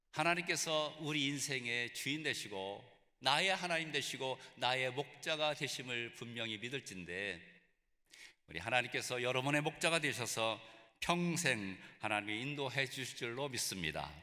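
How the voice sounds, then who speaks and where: Bright-voiced preacher man in a big hall. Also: medium pitch, animated, normal speed. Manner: earnest preaching with storytelling. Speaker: preacher at a graduation. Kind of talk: sermon. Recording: reverberant hall.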